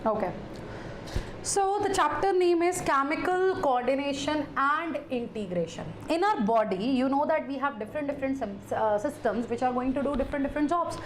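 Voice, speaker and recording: A woman teacher with a high voice and a North Indian accent gives a live lecture. She speaks straight to her students, repeats her phrases and slips in Hindi interjections. The room is echoey, with faint noise behind her. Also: animated, a little fast.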